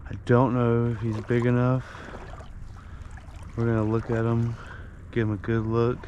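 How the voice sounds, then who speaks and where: A man's voice: mid-range voice, completely flat delivery, measured pace, warm tone, lo-fi sound. A man casually narrating an outdoor vlog in a folksy, easygoing manner. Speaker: host of an outdoor fishing and cooking vlog. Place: outdoors, by water and at home. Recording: outdoor noise, water sounds.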